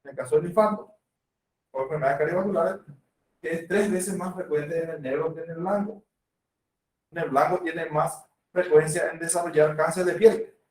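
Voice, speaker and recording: A man's voice: fairly high pitch, normal speed. A man with a Paraguayan accent giving a university medical lecture, explaining with examples and acted patient dialogues. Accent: Paraguayan Spanish. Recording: roomy, from far off the mic.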